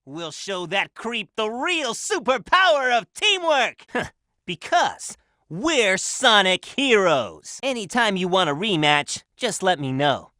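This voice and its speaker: A man's voice: high-pitched, very animated, slow, sharp tone, no room sound, studio quality, heavily acted. A man voicing a cocky, upbeat young cartoon hedgehog hero in a video game, brash and confident. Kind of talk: video game character voice lines.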